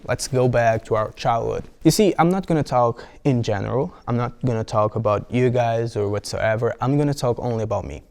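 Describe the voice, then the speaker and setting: Brisk and with hardly any pauses, a young man talks to camera in a medium-pitched, slightly mellow voice. He's a Brazilian vlogger, a native Portuguese speaker with a Brazilian Portuguese accent, and his casual chat is playful and full of restarts.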